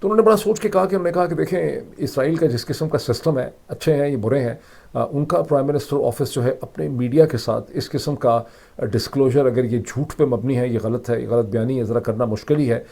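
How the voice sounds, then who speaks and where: A middle-aged Pakistani man speaks in a soft, mellow voice at a middle pitch. His Urdu commentary is emphatic and explanatory, and English phrases keep surfacing in it. He talks like an analyst walking viewers through his reasoning. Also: fast, gravelly. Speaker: political analyst and host. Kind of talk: solo commentary monologue.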